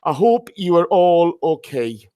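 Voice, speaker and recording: Hungover bloke hosting a live footy chat, blunt and matey, dry close sound. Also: male voice, on the high side, very animated, a little slow, warm tone, no room sound. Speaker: host of a football fan live show.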